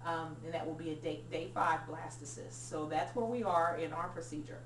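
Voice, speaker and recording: A woman's voice: deep voice, fairly even intonation, moderate pace, roomy sound, distant mic, a little hiss or hum, poor audio. A woman, a nurse talking earnestly through a personal video diary with frequent ums. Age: 40s. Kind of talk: casual personal vlog.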